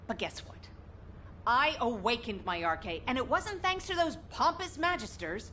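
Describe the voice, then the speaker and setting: A woman's voice: on the high side, lively intonation, moderate pace, bright, forceful tone, a little hiss or hum. A woman playing a determined, defiant captain driven by grief, with intense, brooding delivery in a video game drama. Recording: music playing behind.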